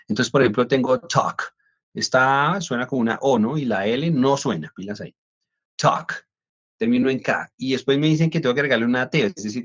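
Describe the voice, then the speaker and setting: A man, an English instructor explaining pronunciation in a class, often checking in with "¿no?". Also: mid-range voice. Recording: dull lo-fi audio.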